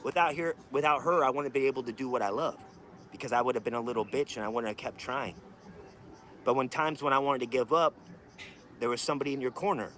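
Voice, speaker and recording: A man's voice: medium pitch, fast talker, fairly bright tone. A man hosting a live stream, ranting to his chat in a heated, emphatic way with a lot of swearing. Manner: talks straight to chat viewers. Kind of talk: casual live stream rant.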